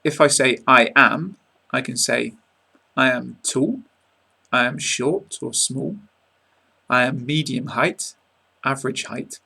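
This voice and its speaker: An online lesson is being given by an English-accented man in his twenties from England, speaking to a close webcam in a small room. He explains clearly and at a measured pace, adding casual asides, in a mid-range voice that's pushed and bright.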